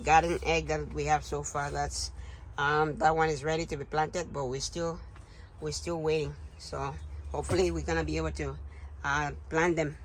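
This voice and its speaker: A man hosting a casual gardening update in a greenhouse, speaking in a halting, hesitant way. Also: fairly high pitch, flat delivery, a little hiss or hum, poor audio. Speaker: gardening channel host.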